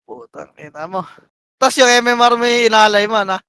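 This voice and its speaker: A man calling shots for his team in live game voice chat, barking rapid commands and countdowns and swearing. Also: high voice, pushed and bright, clean tone, dry recording. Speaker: team shotcaller.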